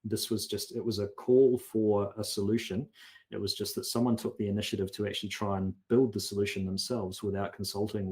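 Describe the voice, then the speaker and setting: Low-voiced earnest man. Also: darkish tone. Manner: earnest, repeats words when restarting. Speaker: guest consultant. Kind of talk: conversational podcast interview.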